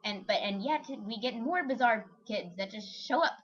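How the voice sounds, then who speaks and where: A young woman talks casually in a home vlog, her voice bright and a little sharp. She giggles often and fills her sentences with "um" and "like." The sound is dull and lo-fi. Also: on the high side, lively intonation, moderate pace, slightly rough. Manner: giggly, chatty, lots of fillers. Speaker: vlogger. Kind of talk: casual chat.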